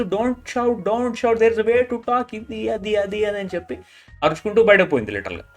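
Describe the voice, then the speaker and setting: A man recapping a reality show episode in casual chat, mixing English into Telugu with a Telugu accent and acting out the contestants' quarrels in quoted lines. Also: fairly high pitch. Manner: mixes English into Telugu, repeats "literally" often, retells quarrels in quoted lines.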